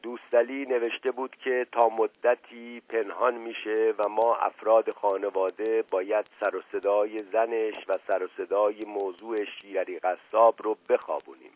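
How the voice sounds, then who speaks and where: A man's voice: fairly low pitch, level tone, hardly any pauses, natural voice, low-quality recording. A man voicing a stern, domineering older uncle in an audiobook, speaking in a commanding tone. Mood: grave.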